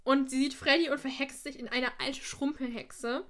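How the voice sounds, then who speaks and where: Bright, high-pitched young-sounding woman. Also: fairly even intonation, moderate pace. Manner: retells scenes with acted quotes and frequent laughter. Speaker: podcast co-host. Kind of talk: casual chat recapping an episode.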